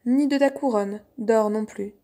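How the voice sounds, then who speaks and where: A woman voicing an insistent frog in a fairy tale, in a high, sing-song calling voice. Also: unhurried, dark tone. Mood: coaxing.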